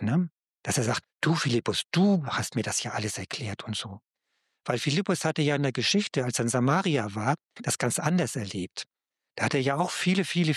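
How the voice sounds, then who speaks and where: A man giving a gentle, personal Bible talk, speaking directly to the listener. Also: mid-range voice, slightly rough, dry recording, studio quality. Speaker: preacher.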